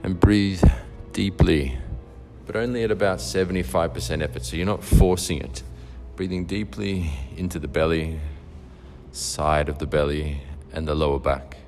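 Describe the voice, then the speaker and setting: A man leading a guided meditation in a slow, soft and soothing way. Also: low-pitched, steady tone. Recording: faint music behind.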